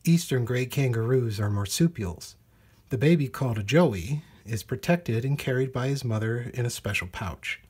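A man narrates a children's nonfiction nature book, his middling-pitched voice breathy and husky with a darkish tone. As a storybook reader, he phrases each sentence deliberately for young listeners, with lively intonation.

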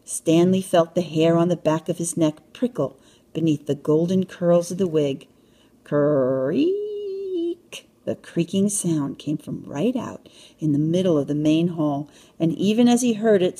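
Woman storybook reader; low, husky, calm. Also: a little slow. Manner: calm, even storybook narration. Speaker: children's book reader. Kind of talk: storybook read-aloud.

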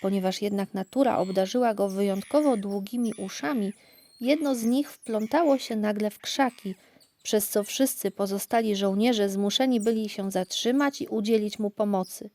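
A woman narrating a children's audiobook in a calm, clear storytelling voice. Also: mid-range voice, moderate pace. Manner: calm, even, clear reading.

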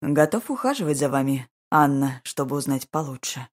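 A woman voicing a calm, self-assured duke who speaks in a dry, ironic and level way, with a slightly husky voice. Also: a bass voice, normal speed, pitched below the performer's own voice. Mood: earnest.

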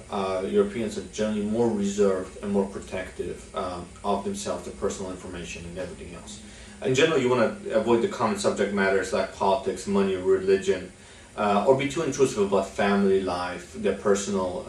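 Seated in an office in front of a logo backdrop, a young chamber of commerce executive from Poland explains things to the camera in a slow, measured way. His voice is low and deep, broken up by frequent "uh"s. Recorded from a distance, his instructional talk carries a clear room echo and slight background noise.

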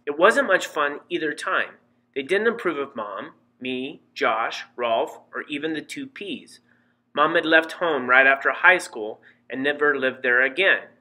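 A man giving scripted first-person narration of an audiobook in a plain, measured storytelling manner. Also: on the high side, bright, forceful tone.

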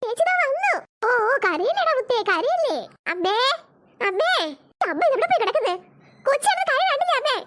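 A woman voicing a fussy young girl in a home-made cartoon, whiny and calling out loudly. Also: extremely high pitch, big pitch swings, normal speed, a little hiss or hum, heavily acted. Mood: worried. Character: fussy young girl, big sister to babies. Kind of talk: cartoon voice acting.

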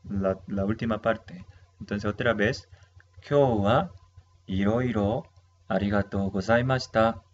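A man whose first language is Japanese, teaching a slow language lesson in Spanish. He talks patiently, repeating each word and checking in with the listener. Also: lowish voice. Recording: slightly dull with faint ambient noise.

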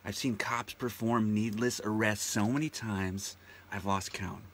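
A man's voice: fairly low pitch, steady tone, unhurried, slight background noise. A man hosting his own show, delivering a profane, indignant and sarcastic ranting monologue that hammers its words through repetition. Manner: repeats words heavily for emphasis. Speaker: show host.

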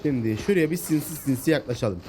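A man giving casual, excitable let's-play commentary, chatting away and talking to the animals in the game. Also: on the high side, fast, soft background music. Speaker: gameplay commentator.

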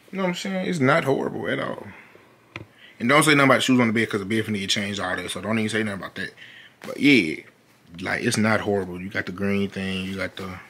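A man's voice: on the low side, pushed and bright. Young guy doing a casual room vlog, slangy, repeats himself, noisy sound. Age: young adult. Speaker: vlogger. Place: small bedroom at home. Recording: clearly noisy background.

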